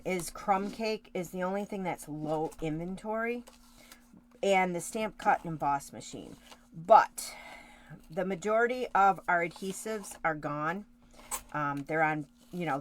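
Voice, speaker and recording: A woman's voice: on the low side, a little hiss or hum. A woman hosting a card-making tutorial, chatting casually with live viewers while she works, with rambling asides and self-corrections. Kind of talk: casual craft demonstration.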